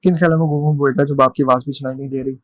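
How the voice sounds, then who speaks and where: Guy reading as older dad, teasing, talks fast, dry close sound. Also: medium pitch, fairly even intonation, dry recording, close to an everyday voice. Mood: probing. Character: older father, gently probing, male.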